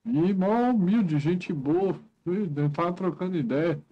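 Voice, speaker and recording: A man's voice: high-pitched, unhurried, dull audio. A middle-aged Brazilian man streaming a game with a headset, joking and teasing his friends in casual chat. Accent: Brazilian Portuguese. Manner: jokey, teasing, animated banter.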